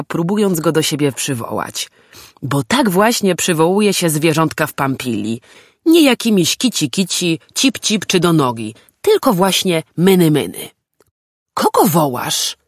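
A woman narrating a children's storybook audiobook in an expressive, lively reading voice. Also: low voice, no echo, studio quality.

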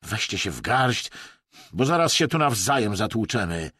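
A man's voice: on the low side, normal speed, breathy edge, dry recording, clean studio sound, exaggerated voice. A man voicing a dispassionate, irritable male scholar in an audiobook. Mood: irritated. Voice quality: flat, dispassionate.

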